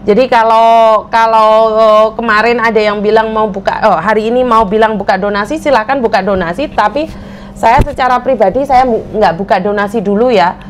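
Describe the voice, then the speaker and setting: A woman's voice: on the high side, normal speed, a little hiss or hum. A woman hosting a live stream, talking to viewers and pressing commenters with repeated demands. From Indonesia. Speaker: livestream host.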